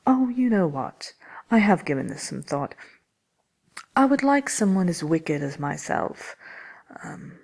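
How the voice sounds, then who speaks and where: A woman's voice: sits low, gravelly, full character voice. A woman voicing a haughty, mischievous wicked witch in an in-character ASMR question-and-answer chat, sly, theatrical and dryly self-important.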